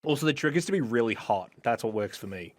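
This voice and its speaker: A man's voice: medium pitch, animated, fast. A man in casual chat, laid-back with a dry humor.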